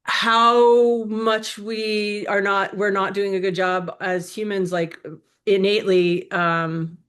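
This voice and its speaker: A woman's voice: medium pitch, little pitch movement, slow pace, fairly bright tone, clear, resonant tone. A woman speaking as a guest in a casual interview, chatty and full of little fillers.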